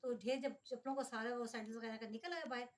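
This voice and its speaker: A fast-talking middle-aged woman from Pakistan, vlogging in a casual, running monologue. Her voice sits a little high, and she sounds exasperated as she complains straight to her viewers. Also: fairly even intonation. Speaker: vlogger, mother.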